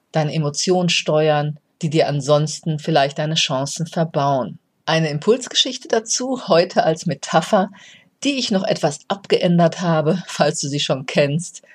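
A podcast host talking about resilience in a reflective, explanatory way, addressing the listener directly. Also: mid-range voice. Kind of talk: motivational podcast monologue.

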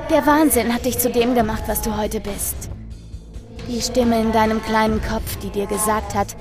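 A woman voicing a sadistic, condescending shadow entity in a horror story reading, speaking slowly and menacingly. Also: fairly high pitch, fairly even intonation, over music, natural voice. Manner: slow, drawn-out, menacing delivery.

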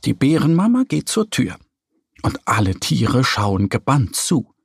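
A man reading a children's story aloud with calm, expressive storytelling. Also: mid-range voice, a little slow, gravelly, husky, dry recording, clean studio sound. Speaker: narrator.

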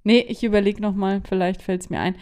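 A woman's voice: mid-range voice, steady tone, a little fast, darkish tone. Musing woman chatting casually. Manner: musing, searching for words, laughs. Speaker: podcast co-host. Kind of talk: casual chat.

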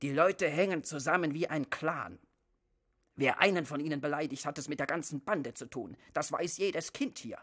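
Suspicious landlord voiced by a man, gravelly, husky, bright tense tone, blunt, audiobook. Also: fairly high pitch, normal speed. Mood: hostile. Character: gruff older male landlord, hostile and suspicious.

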